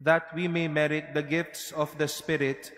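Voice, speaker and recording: A priest's fairly high, unhurried voice recites the closing prayers with solemn, measured care. Each phrase hangs in the long cathedral echo of a vast stone church, the reverb trailing well after he stops. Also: little pitch movement, a bit bright. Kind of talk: liturgical prayer and blessing. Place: large cathedral.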